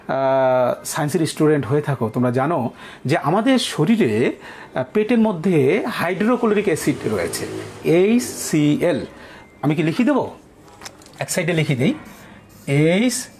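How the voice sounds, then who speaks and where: A male teacher gives a classroom poetry lesson, his voice rising and falling a great deal as he explains. He sits a little high for a man and slows right down to recite verse lines. A faint hiss of background noise sits under the recording. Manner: animated explaining, recites verse slowly, asks students questions.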